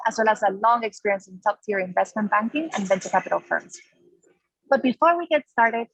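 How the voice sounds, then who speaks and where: A woman's voice: fairly high pitch, a bit bright, slightly rough, dry recording, poor audio. A woman hosting an online session, giving an upbeat, formal welcome with occasional fillers. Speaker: event host introducing the session. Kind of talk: scripted welcome introduction.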